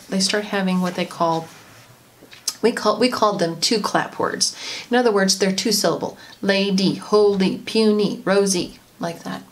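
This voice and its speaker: A woman, a homeschooling mother, gently and chattily explaining a lesson in an instructional tutorial. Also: medium pitch. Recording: noisy home recording.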